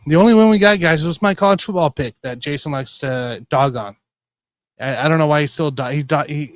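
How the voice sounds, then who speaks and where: A man hosting a casual sports betting show, rambling and correcting himself as he tells excitable stories. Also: fairly high pitch, smooth, no room sound, studio quality. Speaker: podcast host.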